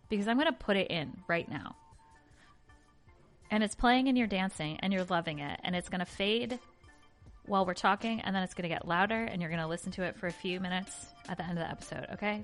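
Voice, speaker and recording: A woman co-hosting a podcast in casual, rambling and playful chat. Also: mid-range voice. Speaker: podcast co-host.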